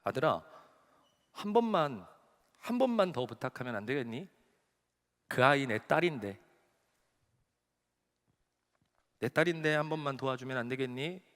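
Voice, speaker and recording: A soft, pleading fatherly voice of God, hushed and low, as a male preacher puts it on. Gentle and grieving, spoken slowly as part of a sermon story. The sound rings in a reverberant church hall. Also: sing-song. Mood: tender pleading.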